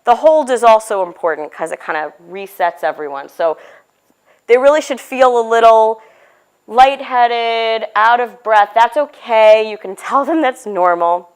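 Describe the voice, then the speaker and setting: A woman's voice: fairly high pitch, measured pace, clear, resonant tone. Stuffy-nosed woman teaching breathing. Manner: casual, demonstrative, leads the group through breathing. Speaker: clinician presenter. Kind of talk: grand rounds teaching talk. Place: lecture room.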